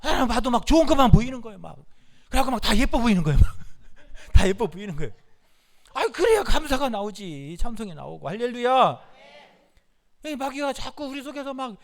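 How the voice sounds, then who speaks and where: A male pastor preaches to his congregation with a high, restless voice that leaps up and drops down. He pushes the room into call-and-response and breaks into loud shouted commands. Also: lively intonation, fast talker. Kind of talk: sermon.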